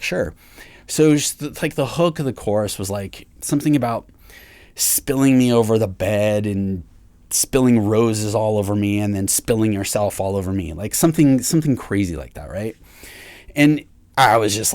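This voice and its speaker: A man with a fairly low voice tells a personal story in a relaxed, rambling way. He stumbles and restarts often and pokes fun at himself. The sound is close and dry, with no room around it. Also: no echo. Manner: halting, self-deprecating, many fillers and restarts. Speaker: recording engineer. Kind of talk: casual storytelling to camera.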